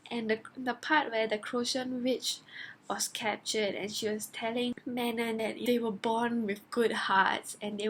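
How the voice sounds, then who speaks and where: Bubbly higher-voiced woman reviewing a book. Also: slight background noise. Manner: animated and gushing, acting out her own reactions. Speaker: book vlogger.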